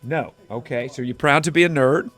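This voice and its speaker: A man's voice: mid-range voice, moderate pace, a bit bright, faint music behind. A man reporting live on a morning news show from inside a game shop, upbeat and joking with the people he meets. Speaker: field reporter.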